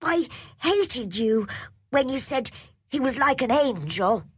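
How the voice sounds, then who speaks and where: A woman's voice: slow, husky, dry recording, clean studio sound, heavily acted. A woman voicing a sickly, anxious, spoiled young boy in a storybook reading. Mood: sulky. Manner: high, pleading and excitable.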